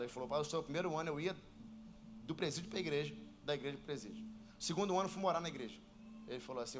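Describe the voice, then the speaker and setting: A Brazilian pastor preaching a sermon in church, telling a story and building to shouted, sung preaching. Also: male voice, a little high. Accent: Brazilian Portuguese.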